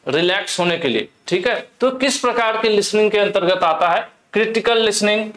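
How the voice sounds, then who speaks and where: In an echoey room, a young man with a high, fairly bright voice leads an exam-prep lesson. He reads English questions aloud, goes slowly through his explanations and repeats the key words.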